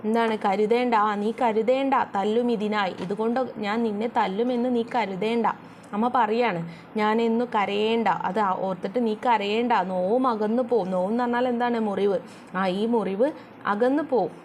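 A woman teaches a school poem in a fairly high voice. She reads each verse slowly, then explains it with questions she answers herself. Faint noise sits under the recording. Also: fairly even intonation, a little mellow. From Kerala.

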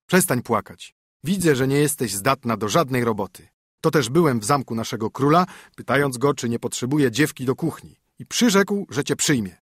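A man's voice: mid-range voice, expressive, normal speed, breathy edge, dry recording, studio quality. A man reading a fairy tale audiobook, voicing a stern poor minstrel husband who commands and scolds his wife. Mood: scolding.

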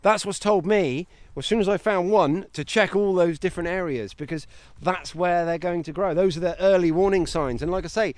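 A homesteading channel host in his thirties walks a grassy paddock with his phone at arm's length, chatting enthusiastically about mushroom foraging and pointing things out. His voice sits high but has a darkish tone, and he keeps a moderate pace with few pauses and no echo.

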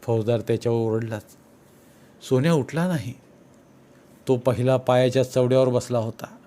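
A man's voice: mid-range voice, steady tone, moderate pace, mellow. Earnest man reading a story aloud. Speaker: audiobook narrator. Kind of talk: storytelling narration of a novel.

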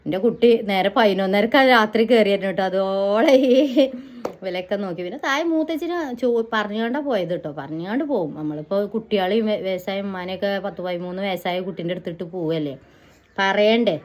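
A woman's voice: mid-range voice, fast talker. A middle-aged woman, telling a family story to her viewers in a chatty, rambling way. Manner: chatty, rambling, often ends with "kettō". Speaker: family vlogger.

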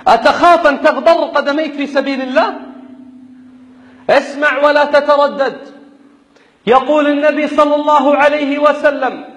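Male preacher, very high voice, impassioned and exhorting in a fiery sermon, echo-heavy hall sound. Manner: impassioned, exhorting, rhetorical questioning. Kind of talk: fiery sermon with scriptural recitation. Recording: echoey, long reverb.

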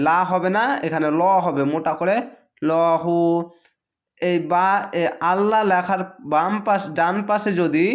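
A man teaching Quran reading in a Bangladeshi Bengali accent, spelling each syllable slowly and patiently in a drawn-out recitation. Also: fairly high pitch. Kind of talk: slow letter-by-letter spelling lesson.

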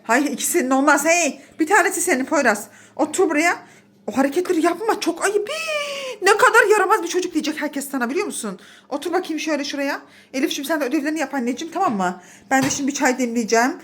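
A woman's voice: sits high, racing. A woman in her thirties, a mother filming a family vlog, coaxing her children and talking to viewers in a playful, exclaiming way. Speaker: mother and vlogger.

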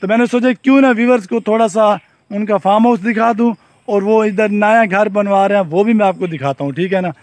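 A young man from Pakistan, speaking Urdu with a Saraiki-region accent, enthusiastically vlogs a farm and building site outdoors into a selfie phone camera at arm's length, frequently repeating phrases like "look at this." His high, darkish voice moves fairly quickly. The recording is dry.

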